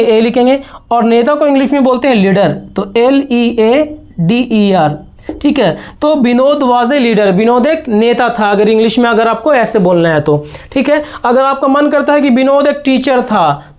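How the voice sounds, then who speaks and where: A man's voice: very high voice, highs cut off. A man teaching English grammar to beginners, explaining each step patiently and repeating key words. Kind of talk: spoken language lesson.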